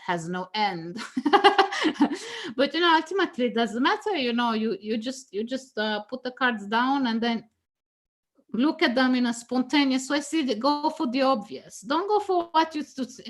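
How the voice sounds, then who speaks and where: A high-pitched, expressive woman whose first language is Danish speaks at normal speed as a guest tarot reader. She talks casually while teaching, laughs often, and keeps restarting her phrases with lots of fillers.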